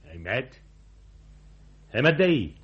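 A man's voice: mid-range voice, big pitch swings, moderate pace, lo-fi sound, natural voice. A man playing a boastful, imperious new company director with an Egyptian accent, brusque and self-important, in an old radio comedy-drama. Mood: indignant, bossy.

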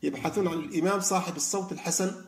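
A man's voice: on the high side, steady tone, rapid-fire, roomy sound. A man giving a spoken religious lesson, explaining with frequent fillers and restarts. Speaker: lecturer on Quran reflection.

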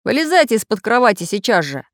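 A woman voicing a bossy little iron craftsman in a storybook reading, loud, commanding and grumbly. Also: medium pitch, animated, fairly quick, no room sound, clean studio sound, pitched above the performer's own voice, natural voice. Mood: stern. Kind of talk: storybook narration.

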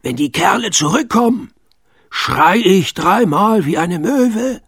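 A stout, kindly ship's captain speaks in a gruff, hearty storybook voice, a touch higher and louder than the reading around him. The tone is husky and dry, close to the mic, as a man reading the tale acts him out. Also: unhurried, no room sound. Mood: hushed eager. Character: fat kindly ship captain, gruff but loyal.

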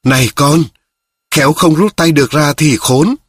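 A man's voice: on the high side, moderate pace, a bit bright, slightly rough, dry recording, pitched above the performer's own voice. A man voicing a frightened young mother who pleads in panic while reading a story aloud. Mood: alarmed.

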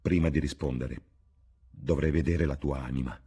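Worried older painter type, low husky voice, earnest pleading tone. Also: male voice, steady tone, moderate pace, mellow, exaggerated voice. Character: grave, troubled painter, older male friend. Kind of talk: audiobook reading.

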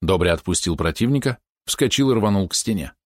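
A man narrating an audiobook in a measured, expressive storytelling manner. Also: low voice, no echo, clean studio sound. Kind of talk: scripted narration.

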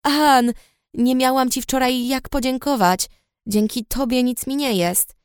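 Cheerful, eager young female friend in an audiobook; high and bubbly, voiced by the narrator. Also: measured pace, clear, resonant tone, dry recording, clean studio sound. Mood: excited. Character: excitable cheerful young woman, red-haired friend. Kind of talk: audiobook character voice.

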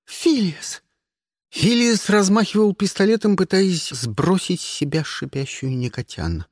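An expressive audiobook reader narrating a first-person story. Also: mid-range voice, normal speed, dry recording, studio quality. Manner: lively, expressive reading.

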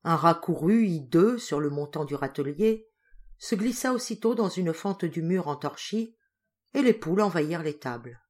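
A woman narrating a literary audiobook in a steady, expressive storytelling voice. Her pitch sits slightly low and her reading stays measured. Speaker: audiobook reader.

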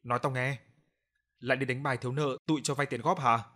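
A man playing a shrewd young rural shrimp farmer who asks pointed questions in a brisk, raised voice. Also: medium pitch, fairly even intonation, sharp tone, close to an everyday voice. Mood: earnest.

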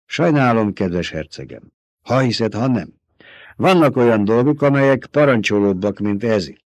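A man with a fairly low, animated voice reads an audiobook with no room sound. He voices an old male doctor turned traitor, feverishly obsessed with revenge, who talks in an intimate, coaxing manner.

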